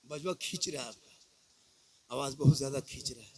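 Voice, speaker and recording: A man in his fifties with a Jharkhand Hindi accent, preaching to a crowd on a microphone, shifting from quiet reasoning to shouted, sung declamation with humorous rhetorical questions. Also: mid-range voice, fairly quick. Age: 50s. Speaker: Islamic preacher. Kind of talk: sermon to a crowd. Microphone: mic through a loudspeaker system.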